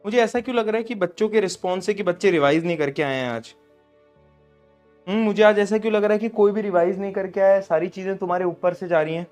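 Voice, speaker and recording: A young man teaching a live online class while unwell with a sore throat, scolding students loudly and then dropping to a soft, low voice. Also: fast, soft background music. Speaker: online tutor.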